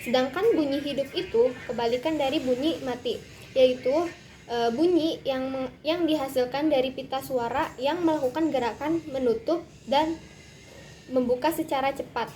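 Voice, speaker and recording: A woman's voice: sits high, normal speed, warm tone, slight background noise, poor audio. A young woman from Indonesia giving a recorded class presentation, explaining carefully with frequent hesitations. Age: young adult. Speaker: student presenter.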